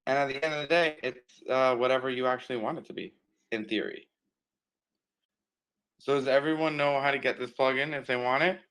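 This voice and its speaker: A man's voice: medium pitch, steady tone, a little fast, pauses often, a bit bright, clear, resonant tone, rough recording. A man teaching a casual screen-share tutorial in a loose, filler-heavy way, his audio cutting in and out over a bad connection. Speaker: workshop instructor. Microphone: open computer mic on a video call.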